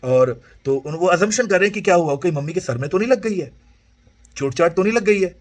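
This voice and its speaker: A male English teacher explaining a play to students, retelling it in an animated way and mixing languages. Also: sits high, quick pace. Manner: animated storytelling, mixes Hindi and English.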